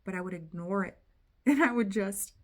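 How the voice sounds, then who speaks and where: A woman's voice: mid-range voice, normal speed. A woman, a tarot reader and spiritual coach, giving a casual channeling talk in a candid, earnest way, swearing now and then and acting out inner voices. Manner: animated, acts out inner voices.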